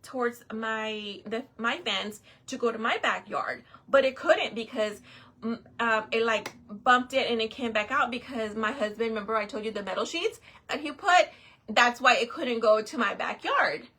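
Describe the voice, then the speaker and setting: A middle-aged woman tells a long, rambling story in a loose vlog style, circling back and piling up fillers as she goes. Her voice sits a little high, with a bright, forward tone. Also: moderate pace. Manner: chatty, rambling, lots of fillers and restarts. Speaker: vlogger. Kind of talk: casual storytelling.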